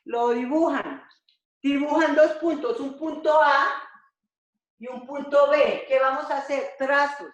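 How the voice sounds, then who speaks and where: A woman teaching a slow, repetitive math lesson to children, often checking that they follow. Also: high-pitched, fairly even intonation. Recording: echoey dull home recording.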